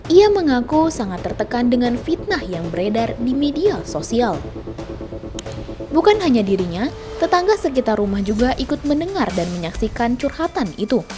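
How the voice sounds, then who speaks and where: A woman's voice: on the high side, very animated, moderate pace. A woman narrating celebrity news from a script in a dramatic style. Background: background music.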